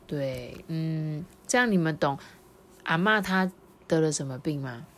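A mother gently reading a picture book to her child in a sing-song storytelling way, then asking the child questions. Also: deep voice, animated, unhurried, slight background noise.

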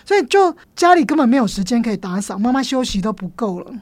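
Lively high-voiced Taiwanese teacher woman. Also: fast, no room sound. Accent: Taiwanese Mandarin. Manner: lively, expressive storyteller. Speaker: guest, elementary school teacher. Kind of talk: storytelling in a podcast interview.

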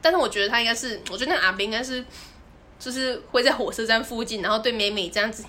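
A woman's voice: on the high side, very fast, pushed and bright, a little hiss or hum. A woman, co-hosting a podcast and animatedly telling a story, often laughing and acting out the people in it. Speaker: podcast co-host. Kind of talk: casual storytelling chat.

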